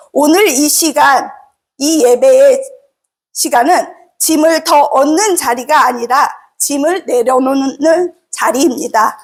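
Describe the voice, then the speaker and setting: A woman officer giving a sermon in a gentle, soft-spoken way, slowing down for quoted words of comfort. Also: sits high. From South Korea. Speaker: Salvation Army officer preaching.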